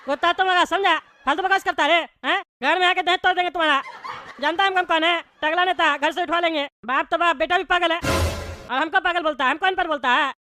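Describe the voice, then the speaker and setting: A woman's voice: very high-pitched, fast talker, pushed and bright, soft background music. A woman voicing an arrogant bald politician who picks a fight with the passengers sitting beside him. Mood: angry. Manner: brash, threatening, rude. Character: bald loudmouth politician seated next to them, arrogant and quarrelsome.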